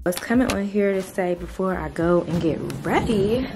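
A woman's voice: mid-range voice, moderate pace, over loud music. A young woman in her twenties chatting casually to camera at home, full of fillers and calling her viewers "y'all". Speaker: lifestyle vlogger. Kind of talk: casual vlog chat to camera. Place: home bedroom and kitchen.

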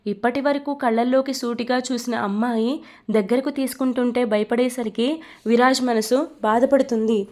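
A woman's voice: fairly high pitch, fairly even intonation, normal speed, darkish tone. A woman storyteller narrating a love story from a script and addressing her listeners directly.

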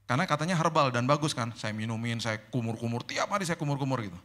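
Male preacher, animated storyteller, conversational sermon, bright tone. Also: mid-range voice, fast. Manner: animated, conversational, mixes in English phrases. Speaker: pastor.

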